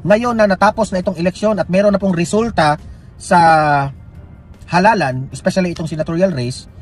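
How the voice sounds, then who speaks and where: A Filipino man delivers fiery political commentary in a high, excitable voice that leaps up and down as he mocks and needles. Faint music runs under his talk. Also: fairly quick. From Philippines. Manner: heated, mocking, pushes viewers to like and share. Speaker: news commentary vlogger.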